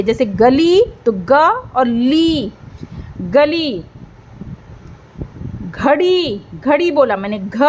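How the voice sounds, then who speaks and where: A woman teaching a beginners' writing lesson as host, speaking slowly and clearly and drawing out sounds to show them. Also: high voice, slight background noise. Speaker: Hindi teacher.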